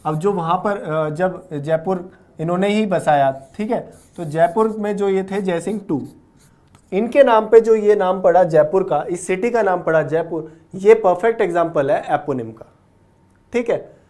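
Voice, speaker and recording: A young man gives a patient classroom-style vocabulary lesson. He breaks words down root by root, switching easily between Hindi and English terms. He often checks in with his listeners with a quick "okay?". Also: sits high, darkish tone. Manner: explains patiently, ends points with a checking "okay?". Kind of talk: classroom lecture explaining word roots.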